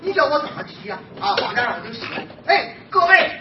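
A woman's voice: a little high, big pitch swings, rapid-fire. Wry woman trading crosstalk retorts on stage. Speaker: straight man in crosstalk, playing the head. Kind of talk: live crosstalk comedy on stage. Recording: roomy, distant stage mic, muffled, noisy.

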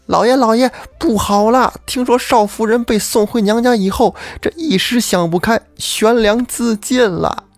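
A man voicing a panicky young male servant in a storytelling podcast, his voice pushed far up into a shrill cry. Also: normal speed, hardly any pauses, dry recording. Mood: panicked.

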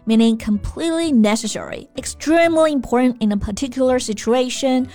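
A woman's voice: sits high, brisk. A woman co-hosting an English lesson podcast in a bilingual, scripted teaching chat, explaining each word and spelling it out letter by letter. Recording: soft music behind.

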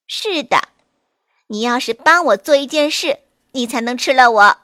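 A woman voicing a small, brave and clever gray rabbit in a children's story, brisk and confident. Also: sits high, animated, fairly bright tone, dry recording, clean studio sound.

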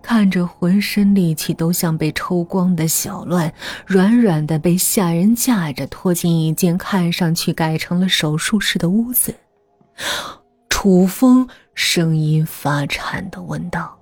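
A woman reads a horror story in a slow, hushed half-whisper, her low, breathy voice close and dry against faint music. Each phrase is drawn out and quiet. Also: no room sound. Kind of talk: scripted horror story narration.

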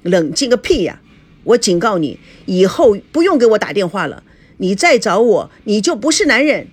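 A woman voicing a furious, betrayed young wife who talks in a shrill, cutting, accusing way, reading a storybook. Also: very animated, normal speed, breathy edge, full character voice.

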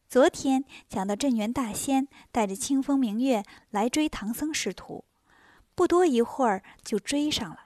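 A woman reading a children's story aloud with lively, expressive narration. Her voice sits high and bright. The recording is dry and close, with no room sound. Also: no echo. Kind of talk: scripted narration.

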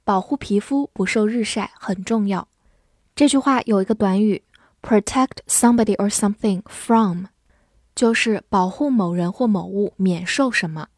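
A woman teaching English vocabulary, who spells out words letter by letter and reads example sentences slowly. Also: medium pitch, a little mellow, dry recording, studio quality. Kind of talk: vocabulary lesson.

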